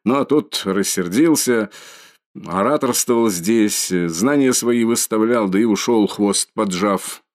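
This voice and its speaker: A man voicing a tipsy, loud young man who blusters and confides in a rush. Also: lowish voice, a little slow, lightly acted. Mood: blustering.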